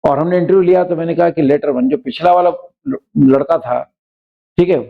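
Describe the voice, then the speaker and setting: A man teaching vocabulary with a gravelly, fry-tinged voice and a slightly high pitch. He walks through each point patiently and checks in with his students as he goes. The recording sounds dull and lo-fi. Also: a little fast. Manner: explains step by step, often asks "right?". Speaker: English teacher. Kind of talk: classroom vocabulary lesson.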